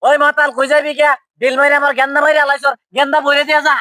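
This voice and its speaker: A man with a rural Bangladeshi accent playing a foolish, pompous water spirit in a village comedy skit, mock-solemn and quick to bicker. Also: very high-pitched, level tone, sharp tone, no echo, studio quality.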